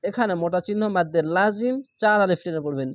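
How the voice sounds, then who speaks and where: Man slowly spelling out Quran words. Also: high-pitched, no echo, studio quality. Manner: spells letters then draws out the whole word slowly. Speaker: Quran reading teacher. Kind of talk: spelling-out recitation lesson.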